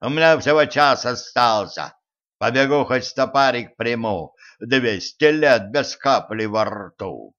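A man voicing a gruff male graveyard master disguised as a fortune-teller, talking in a slow, folksy, commanding way. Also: medium pitch, lively intonation, fairly bright tone, highs cut off.

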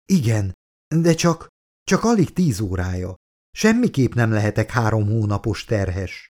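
A man voicing a frightened, desperate woman scientist in an audiobook, speaking in a pleading voice that rises to shouts. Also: lowish voice, very animated.

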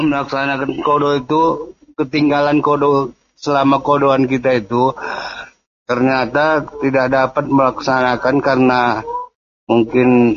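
A man's voice: medium pitch, a bit bright, dry recording. Caller guy on a choppy glitchy phone line, cutting out, muffled and dry, hesitant. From North Sumatra, Indonesia. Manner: halting, hesitant questions with restarts. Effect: choppy phone line that keeps breaking up, faint and glitchy.

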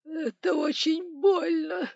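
A woman's voice: very high voice, fairly even intonation, takes it slowly, creaky, a little mellow, dry recording, highs cut off, voice pushed up, full character voice. Woman doing a sobbing terrified male bank manager. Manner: sobbing, pleading.

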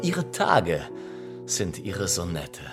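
An actor in a German radio play voicing a jaded, witty middle-aged lord with a husky, languid, urbane delivery. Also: male voice, deep voice, wildly swooping pitch, very slow, music in the background, full character voice. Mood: wistful admiration. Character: jaded, witty English lord, older friend, languid cynic.

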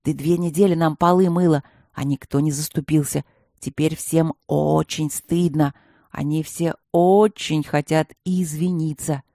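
A woman voicing a big, rowdy young male student in an audiobook, with a booming, mock-threatening manner. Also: steady tone, a little slow, dark tone, no echo, studio quality. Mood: coaxing.

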